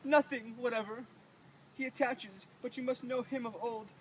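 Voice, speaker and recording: A woman's voice: fairly high pitch, fairly even intonation, normal speed, a little mellow, recorded from a distance, a little hiss or hum, close to an everyday voice, low-quality recording. A young student voicing Cyrano, a proud and anguished male poet-soldier, in an earnest, declamatory school play reading. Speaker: student actor.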